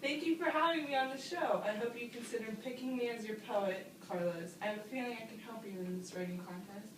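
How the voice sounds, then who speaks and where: A woman's voice: fairly high pitch, fast, natural voice. A teenage girl playing a proud old male 19th-century poet as a talk-show guest, speaking in stiff, formal phrases. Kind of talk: amateur talk-show skit. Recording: echoey room, distant mic, noisy.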